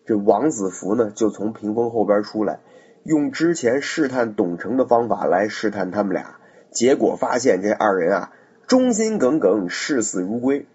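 A man's voice: lowish voice, animated, moderate pace, darkish tone, slightly rough. A man narrating a classic tale in a chatty, casual way, with asides to the listener. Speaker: storyteller. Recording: dull lo-fi recording.

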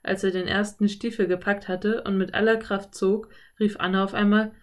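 A woman narrating a children's audiobook in a calm, clear storytelling voice. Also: mid-range voice, normal speed.

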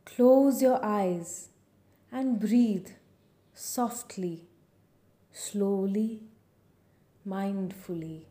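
Woman, guided meditation, soft spa near-whisper, extremely slow, very mellow dark tone, soothing pauses. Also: mid-range voice. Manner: slow, soothing, with long pauses between short phrases. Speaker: guided relaxation instructor. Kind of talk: scripted guided body-relaxation meditation.

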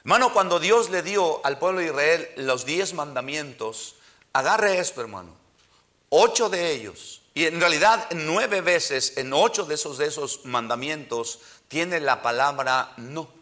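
A pastor delivers an emphatic sermon from a church pulpit, often turning to his listeners as brother. His voice sits high for a man and sounds bright and forceful. He slows down to stress each scripture line he reads. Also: expressive. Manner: emphatic preaching, repeatedly addressing listeners as brother.

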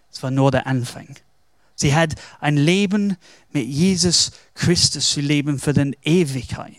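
A man giving a devotional Bible talk, telling the story in an animated way and slipping into English words. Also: on the high side, no echo, clean studio sound. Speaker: preacher.

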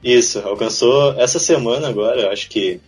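Husky-voiced young male guest. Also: mid-range voice, fairly quick, soft background music. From southern Brazil. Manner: relaxed, modest, laughs easily. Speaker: illustrator guest. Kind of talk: casual interview chat.

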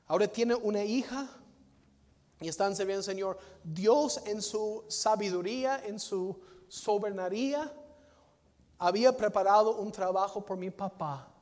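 A male American pastor with a high voice gives an unhurried sermon, his words trailing in the long reverb of a large hall. He preaches with dynamic swings from quiet to loud and repeats phrases.

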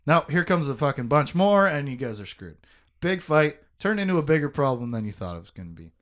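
A man's voice: on the high side, sing-song, a little fast, fairly bright tone. A man hosting a podcast, recapping a book in casual chat, joking, laughing often and swearing.

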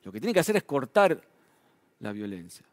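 A man's voice: medium pitch, very animated, normal speed, darkish tone, dry recording. A man preaching a sermon in a Rioplatense Spanish accent, talking in a conversational way with frequent tag questions and his voice rising and falling for emphasis. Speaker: pastor.

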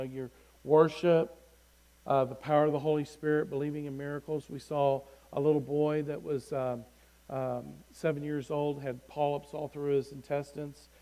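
A man's voice: a little high, rough recording. Earnest middle-aged man giving testimony. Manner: earnest, swells loudly when reading scripture. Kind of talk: testimony sermon.

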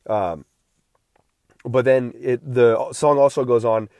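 A man's voice: mid-range voice, steady tone, slow pace, darkish tone, no room sound, studio quality. A man in his late thirties talking through a casual solo podcast, rambling with frequent restarts and fillers while recovering from feeling unwell. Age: 30s. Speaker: podcast host.

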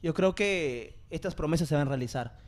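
Young guy in his 20s, casual chat, super lively up and down voice, laughs a lot. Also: on the high side, moderate pace. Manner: animated storyteller, laughs often, acts out quotes.

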